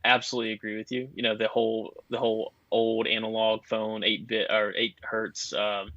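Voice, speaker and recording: Male podcast guest, technical explainer, lowish voice, slightly dull dry recording. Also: flat delivery, normal speed, pushed and bright, no room sound. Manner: explains technical details at length, chatty. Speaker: guest telecom expert. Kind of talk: casual podcast chat.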